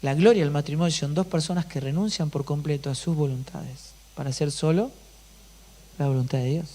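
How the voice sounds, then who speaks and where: A pastor delivering an emphatic sermon, often putting rhetorical questions to the congregation. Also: male voice, on the high side, brisk, warm tone.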